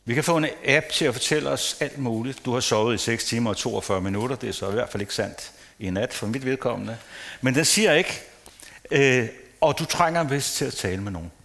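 A man giving a casual sermon to a congregation, chatting, asking the listeners questions and sometimes dropping to a hushed tone. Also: mid-range voice, vocal fry. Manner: conversational, asks the audience questions, playful asides. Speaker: preacher.

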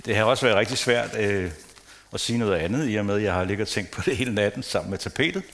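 Conversational Danish preacher. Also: male voice, lowish voice, expressive, vocal fry, a bit bright, a little hiss or hum. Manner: conversational, asks the audience questions, playful asides. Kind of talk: casual sermon to a congregation.

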